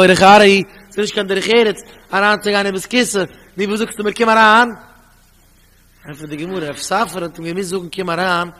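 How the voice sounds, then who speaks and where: A rabbi teaching a Talmud class in an animated style, with a fairly high voice. He reads out the source text, explains it and asks rhetorical questions. The recording carries a long, hall-like reverb. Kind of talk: Talmud study lecture.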